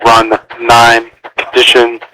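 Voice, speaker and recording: A man works as a military mission controller on air-band radio, issuing brief procedural instructions in clipped phrasing. His average-pitched delivery is completely flat and slow. The signal is clearly noisy with static and clicks.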